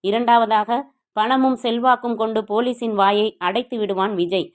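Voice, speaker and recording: A woman's voice: fairly high pitch, steady tone, normal speed. A woman narrating a crime novel and reading every character's dialogue with emotion.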